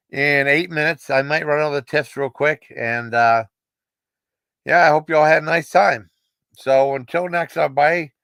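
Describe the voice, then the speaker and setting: In a clean studio recording with no room sound, a livestream host with a slightly high, fairly bright voice rambles informally through casual chat and a sign-off, repeating short acknowledgments.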